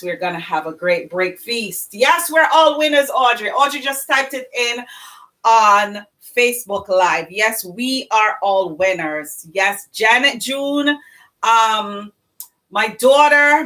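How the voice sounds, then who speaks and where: A middle-aged woman, hosting a live cooking stream and chatting warmly with her viewers. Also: a little high, expressive, takes it slowly, poor audio. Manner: chatty, effusive, talks to viewers. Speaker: cooking show host.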